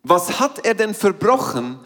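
A man's voice: sits high, very animated, fairly bright tone. A man interpreting a sermon phrase by phrase and reading scripture aloud. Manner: quick, following the speaker phrase by phrase. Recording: reverberant church hall.

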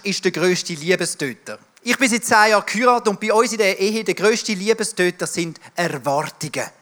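A man with a Swiss German accent preaches with a high, forceful voice. He speaks directly to his listeners and presses each point with emphasis. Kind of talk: sermon.

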